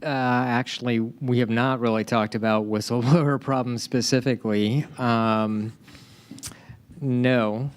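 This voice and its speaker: A man's voice: fairly low pitch, clear, resonant tone. A man on a panel answering audience questions, hesitant with many fillers. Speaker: agency panelist.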